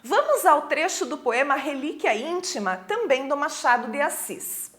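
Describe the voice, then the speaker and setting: A woman's voice: sits high, very animated, a bit bright. A Brazilian woman teaching a recorded school lesson, explaining patiently, checking in with the class and reading poems aloud. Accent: Brazilian Portuguese. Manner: reads poems aloud slowly.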